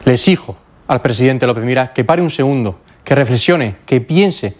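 A man's voice: medium pitch, animated, normal speed, darkish tone. A man government delegate making a firm, demanding political statement.

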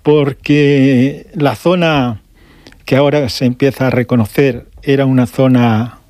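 An older man from Galicia, a guest shop owner telling his story slowly on a radio interview, with pauses and restarts. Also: medium pitch, fairly even intonation, darkish tone, no echo, clean studio sound. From Galicia, Spain. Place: radio studio.

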